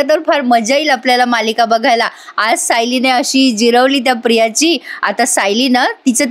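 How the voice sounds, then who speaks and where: A woman casually recapping a TV serial episode in a voice-over review, chatty and amused, speaking directly to viewers. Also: a little high.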